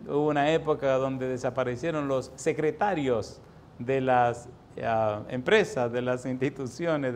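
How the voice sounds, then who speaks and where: A man in his sixties preaching a sermon, telling a personal story in an animated way and lifting his voice for repeated refrains. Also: medium pitch, slight background noise. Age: 60s.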